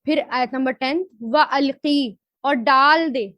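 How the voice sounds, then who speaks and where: In a dry, muffled recording, a high-pitched woman gives lessons in Quran grammar and tafseer. She asks questions and supplies the answers, pausing slowly to spell out Arabic word forms.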